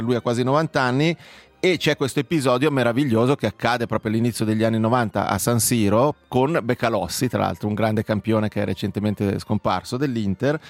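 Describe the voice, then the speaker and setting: A man, hosting a casual talk show and telling anecdotes with theatrical flair. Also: medium pitch. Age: 50s. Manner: animated storyteller, theatrical retelling of anecdotes. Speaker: radio host. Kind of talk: casual studio chat.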